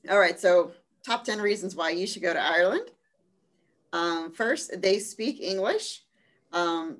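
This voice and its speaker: A woman walks listeners through a study trip slideshow, her voice sitting a touch low. She talks in a relaxed, chatty way, filling pauses with ums and little laughs. It sounds like a video call. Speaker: study abroad presenter. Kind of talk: virtual fair slideshow presentation.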